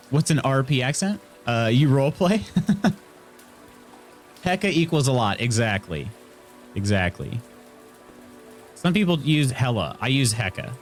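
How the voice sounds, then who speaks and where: Male game streamer, American Midwest accent with a Southern tinge, mid-range pitch, casual jokey rambling chat, light music underneath. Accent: American Midwest with some Southern. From Indiana, US Midwest. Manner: jokey, rambling, reading viewer comments aloud. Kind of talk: casual live gameplay chat.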